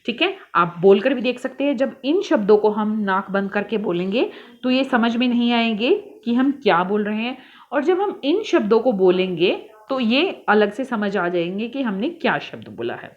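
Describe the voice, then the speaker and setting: A woman teacher going through a worksheet with young children, calling them beta and reading each word slowly and carefully. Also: a little high, expressive, muffled recording.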